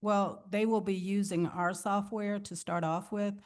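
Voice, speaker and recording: A woman, the city manager, answering commissioners' questions in a measured, explanatory way at a public meeting. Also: medium pitch, fairly even intonation.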